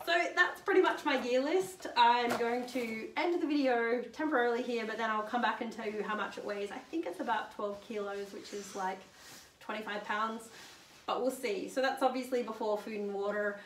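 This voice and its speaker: Her voice sits on the high side, fairly bright, with fairly even intonation at a normal speed. A young hiker, she chats cheerfully through her gear list in her living room, saying "um" often and holding items up. The recording is roomy and faint-hissed from a camera mic a few metres away.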